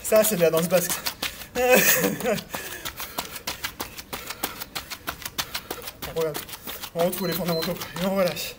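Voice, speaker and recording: A man's voice: sits high, steady tone, quick pace. A man coaching a cardio workout while doing it himself. He hesitates with many fillers, counts beats aloud, urges more speed and sounds a little out of breath. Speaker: fitness coach. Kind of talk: workout instruction while exercising. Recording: noisy recording with clicks.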